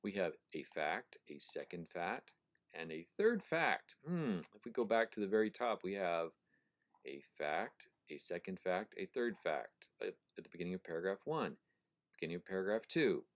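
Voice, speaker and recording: A man explaining prose style in a recorded lecture, thinking aloud, correcting himself and slowly repeating phrases to stress their sounds. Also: low-pitched, very animated. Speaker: professor.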